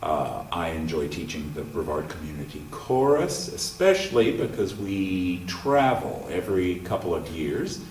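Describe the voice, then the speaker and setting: A college music professor speaks in a low, unhurried voice, choosing his words with frequent pauses and ums. He is picked up from some distance in a roomy, echoing space. Faint ambient noise sits behind him. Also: very animated, darkish tone. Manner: measured, pausing often with ums. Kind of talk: interview monologue. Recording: roomy sound from a distant mic.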